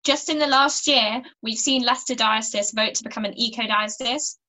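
A woman's voice: a little high, moderate pace, sharp tone, poor audio. A teenage girl, an earnest youth climate activist speaking steadily and articulately to a webcam in a small room at home. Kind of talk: recorded church talk to camera.

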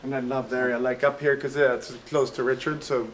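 A man in his thirties with a Swedish accent, vlogging in a relaxed, enthusiastic way. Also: medium pitch, fairly quick, echoey room, far from the mic, a little hiss or hum. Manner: relaxed, enthusiastic, says "like" a lot. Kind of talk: casual chat. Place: villa terraces and rooms.

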